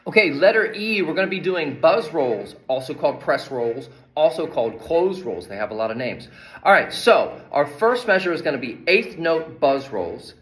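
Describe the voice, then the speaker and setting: A man's voice: a little high, very animated, normal speed, fairly bright tone. A man teaching percussion rudiments, explaining each exercise, counting beats aloud and often adding "right?". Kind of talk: instructional demonstration. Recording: drums playing between spoken lines. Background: drum playing.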